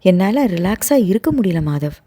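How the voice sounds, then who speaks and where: A woman's voice: medium pitch, very animated, normal speed, dark tone. Woman voicing a hesitant young woman in love. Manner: hesitant, pleading.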